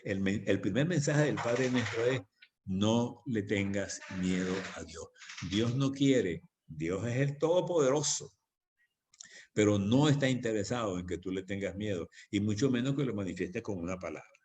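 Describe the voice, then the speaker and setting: A man's voice: fairly low pitch, expressive, normal speed, a little mellow, slight background noise. A man preaching as pastor in a church, teaching on prayer with emphatic repetition. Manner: emphatic, repeats phrases for stress.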